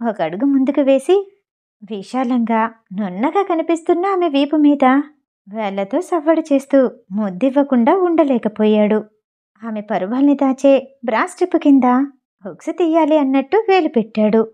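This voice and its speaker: A woman reading a romance audio novel in an even, scripted storytelling delivery. Her voice sits high, with a soft, mellow tone rather than a bright one. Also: moderate pace. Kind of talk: scripted narration.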